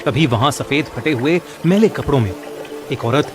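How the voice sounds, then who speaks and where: A man's voice: medium pitch, expressive, moderate pace. A man narrating a scripted horror story in a dramatic storytelling manner. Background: music.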